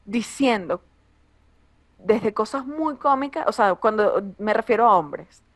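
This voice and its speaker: A young woman comedian with a Venezuelan accent, talking casually and bluntly, swearing freely in a relaxed conversation. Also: medium pitch. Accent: Venezuelan Spanish. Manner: blunt and profane, quick asides.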